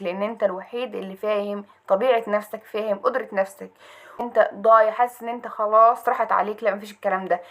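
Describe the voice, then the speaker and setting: Young Egyptian woman, rapid-fire, higher voice, pep talk to students. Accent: Egyptian Arabic. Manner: urgent, coaxing, asks and answers herself. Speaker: study motivation speaker.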